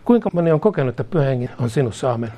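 A man preaching a sermon, mixing casual speech into the preaching and rising louder and higher on emphatic points. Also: big pitch swings. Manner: mixes colloquial speech into preaching, chuckles between points; rises in pitch and volume on emphatic lines.

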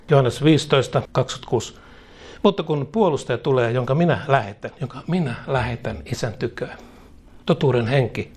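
A man's voice: mid-range voice, a little mellow. Emphatic preacher man. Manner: emphatic, rhythmic repetition, occasional chuckles. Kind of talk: charismatic sermon.

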